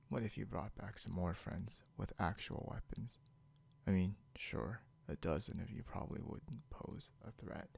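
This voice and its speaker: In an intimate ASMR roleplay, a man plays a young hunter with beast ears who is grumpy, teasing, and possessive. His low-pitched, exaggerated voice is breathy and gravelly as he drawls drowsily, half whispering.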